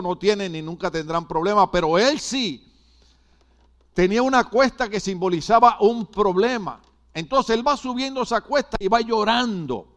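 An older man, preaching a sermon as pastor, with rhetorical questions and repetition. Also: sits high.

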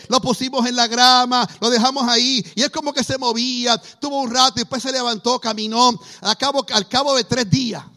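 High, bright-voiced man preaching testimonies. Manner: lively storyteller acting out quoted voices. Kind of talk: testimony sermon.

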